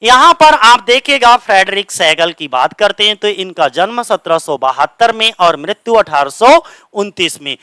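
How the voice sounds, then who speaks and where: A man's voice: high voice, animated, normal speed, pushed and bright, clear, resonant tone, dry recording, low-quality recording. A man with a Hindi accent teaching literature for exam prep at a coaching centre, asking questions and answering them himself while mixing English terms into his Hindi.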